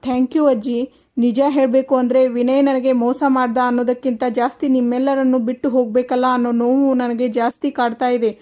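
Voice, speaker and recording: A heartbroken young woman pleading earnestly with her father after her fiancé betrays her, read by a woman narrator. The voice is high and bright, with a plain, steady storytelling delivery. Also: fast talker, close to an everyday voice.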